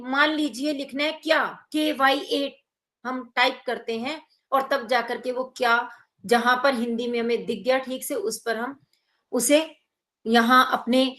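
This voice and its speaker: A woman giving a measured academic lecture at an online workshop, explaining step by step with small hesitations. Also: sits high, a bit bright. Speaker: guest speaker at an online workshop. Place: online workshop, video call.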